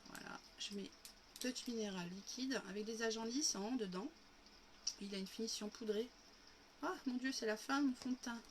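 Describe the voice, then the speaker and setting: A woman recovering from illness coughs now and then while livestreaming a makeup tutorial at home. She chats with viewers she calls "girls" and takes them through each step. Her voice is fairly high at a moderate pace, with slight background noise.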